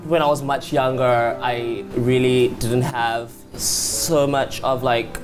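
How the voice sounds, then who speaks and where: A man's voice: medium pitch, level tone, slow. A man in his twenties from South Africa, a talk show guest who chats in a sassy, flamboyant way and laughs often. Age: 20s. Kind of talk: casual talk show chat. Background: background music.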